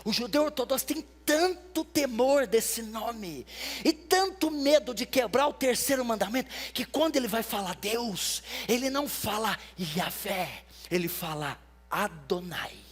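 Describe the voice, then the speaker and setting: A man preaching a sermon as pastor, teaching with emphasis and repetition and rising to shouts at times. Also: very high voice, expressive, measured pace, breathy edge. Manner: emphatic teaching, rises to shouts, repeats for stress.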